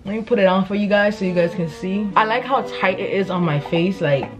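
A woman's voice: medium pitch, brisk. A young woman vlogging casually to camera while talking through a face mask, chatty and playful with sassy asides. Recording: dull lo-fi sound with music behind.

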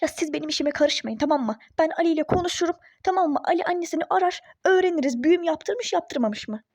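A woman's voice: extremely high pitch, lively intonation, fast, a little mellow, dry recording. A woman voicing an irritable, skeptical young pregnant mother in a phone-game role-play story, snappish and sarcastic. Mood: exasperated.

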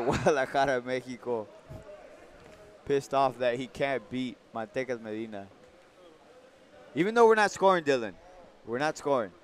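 A man giving casual live boxing commentary. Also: mid-range voice.

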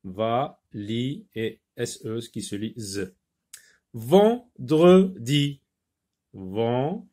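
A man teaching French phonics, repeating each word slowly with many hesitations. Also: lowish voice, lively intonation, darkish tone. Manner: slow, repeats words, many filler hesitations. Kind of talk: slow phonics lesson.

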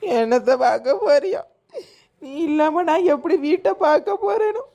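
A theatrical, teary village wife, played by a woman, speaks with a Kanyakumari Tamil accent. Her voice is high and she complains with mock sorrow. It suits a rustic comedy sketch. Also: fairly quick, a little mellow. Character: melodramatic wife seeing husband off abroad.

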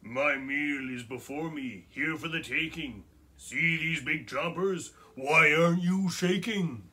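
A man's voice: on the high side, slow pace, bright, forceful tone. A man doing a grumpy, scratchy-voiced troll. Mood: menacing. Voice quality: scratchy, roaring. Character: grumpy female bridge troll.

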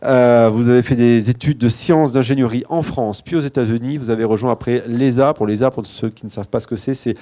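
Hesitant male moderator with a mellow voice. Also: medium pitch, quick pace, hardly any pauses. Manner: hesitant, frequent restarts and self-corrections; light joking asides. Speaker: panel moderator. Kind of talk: introducing guests at a live panel discussion.

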